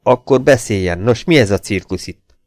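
A man reading an audiobook, voicing a young nobleman who questions his servant loudly and demands answers. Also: on the low side, lively intonation, no room sound, studio quality, lightly acted. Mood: demanding. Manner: loud, demanding, angry. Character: commanding young male baronet, impatient.

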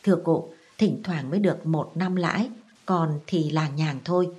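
A young schoolteacher, as a woman reads him aloud, stiffly courteous and deferential to an elder. The voice stays low and warm. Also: moderate pace, natural voice. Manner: deferential and very formal. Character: young male schoolteacher, polite but resentful.

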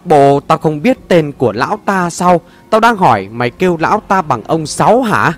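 A man voicing a harsh, gruff middle-aged rural father who barks at his young son in a storybook tale. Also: fairly high pitch, sing-song, a little fast. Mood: menacing. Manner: barking, bullying, raised voice.

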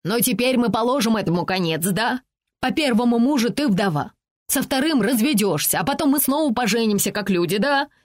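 A woman voicing a blustering, domineering middle-aged man who talks loudly and emphatically in an audiobook. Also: a little high, lively intonation, fairly quick, no room sound, clean studio sound. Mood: insistent. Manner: loud, emphatic, tag questions.

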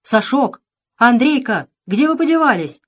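A woman's voice: mid-range voice, normal speed, lightly acted. A woman reading as a strict old peasant grandfather, curt and winded, storybook reading. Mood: stern, strained. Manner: stern, breathless commands. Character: grandfather Nikita, stern strained old peasant.

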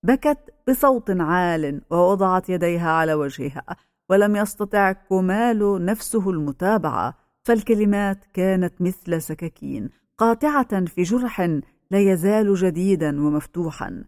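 A woman narrating a novel as an audiobook in an even, steady reading voice. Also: on the low side, moderate pace, dry recording, clean studio sound.

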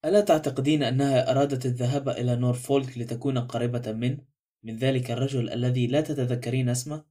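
A man voicing a young gentleman in a spoken novel, who asks his questions gently and coaxes answers out. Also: medium pitch, steady tone, quick pace, close to an everyday voice. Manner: gentle, coaxing.

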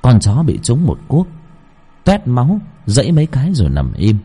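A man's voice: medium pitch, huge pitch swings, normal speed, warm tone, breathy edge. A man narrating a first-person horror story in a tense, suspenseful telling.

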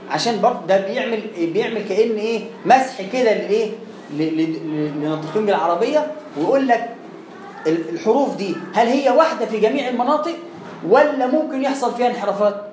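A man with an Egyptian Arabic accent gives a chatty, explanatory lesson in Quran recitation, repeating words and sounding out letters. His voice is high with a darkish tone. The recording has a roomy echo and faint background noise.

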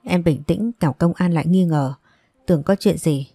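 A woman narrator voicing a calm young man who tries to soothe a friend. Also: fairly low pitch, normal speed, breathy edge, dry recording, soft background music. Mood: soothing.

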